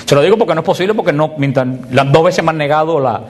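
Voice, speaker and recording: A middle-aged man, a catechist teaching a Bible class, animated and asking rhetorical questions he then answers himself. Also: fairly high pitch, quick pace.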